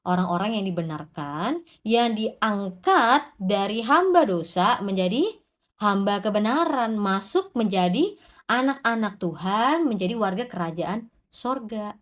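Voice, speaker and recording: A woman's voice: medium pitch, expressive, unhurried. A woman giving an informal devotional sermon, talking straight to the congregation and answering her own rhetorical questions. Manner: addresses the congregation directly. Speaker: preacher.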